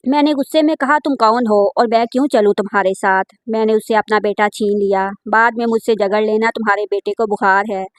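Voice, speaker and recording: A woman narrates a scripted first-person story in an earnest, emotional way. Her voice sits fairly high. The sound is dry and close, with no room around it. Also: no room sound.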